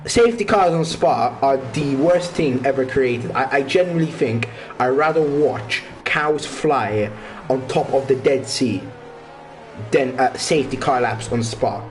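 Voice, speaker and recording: A man's voice: medium pitch, a little slow, a little hiss or hum. Rambling man commentating a sim race. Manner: rambling, stumbles over words and names, self-mocking. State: voice cracking. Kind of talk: casual sim racing commentary.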